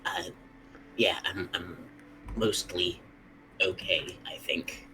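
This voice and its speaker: A man playing a battered, stoic male adventurer in a tabletop game, speaking haltingly and with understatement. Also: low voice, fairly even intonation, sharp tone, faint music behind, voice pushed down, heavily acted, rough recording. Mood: shaken, downplaying. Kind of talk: tabletop role-play in character. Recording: faint background noise.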